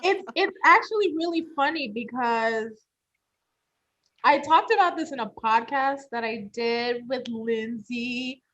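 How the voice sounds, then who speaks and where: A woman's voice: a little high, a little slow, a bit bright. Woman co-host from a Malawian American home, reflective casual talk, lo-fi recording. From Malawian American household, US. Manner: reflective, uses fillers like "you know". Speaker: podcast co-host. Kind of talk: casual chat.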